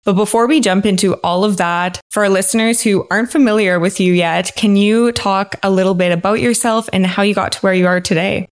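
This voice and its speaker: A woman's voice: mid-range voice, fairly even intonation, a little fast, few pauses, clean tone, no room sound, studio quality. A woman hosting a podcast, reading the episode intro and asking friendly, upbeat questions. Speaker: podcast host.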